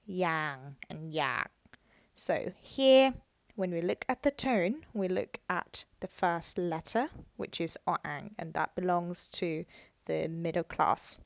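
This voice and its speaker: A woman gives a careful language lesson and explains each step patiently. She talks slowly in a slightly low voice. The sound is dry and close, with no room echo. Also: vocal fry. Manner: patient, explains step by step and repeats words for practice. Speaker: Thai language teacher. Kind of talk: slow, careful lesson narration.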